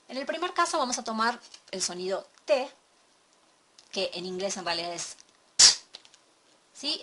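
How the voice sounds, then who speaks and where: A woman teaching a recorded lesson from slides, explaining step by step and checking in with a quick question. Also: fairly high pitch, fairly bright tone, slight background noise. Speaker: English teacher.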